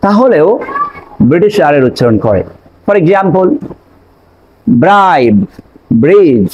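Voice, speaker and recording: Lively man teaching pronunciation. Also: high-pitched, rough recording. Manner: explains step by step, repeats examples slowly. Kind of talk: online lesson.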